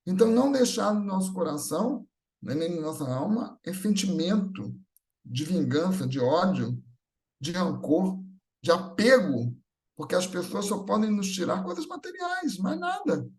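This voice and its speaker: A man with a Brazilian accent gives a conversational talk at a Spiritist gathering, his voice sitting high, very animated, a little mellow, at normal speed. He teaches through repeated phrases, rhetorical questions and check-in tags.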